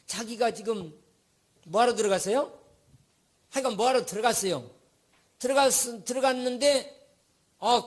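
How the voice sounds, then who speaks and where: A male pastor preaches, telling a story and tossing questions to the congregation. His voice is high and husky, and it swings widely up and down as he speaks. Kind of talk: sermon.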